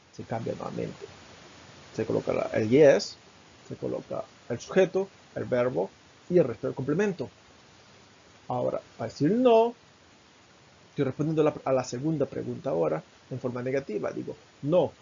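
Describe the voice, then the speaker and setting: A man with a Venezuelan Spanish accent teaching an English lesson, slowly modeling each phrase with a husky voice. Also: medium pitch, mellow, highs cut off. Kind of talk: recorded online lesson.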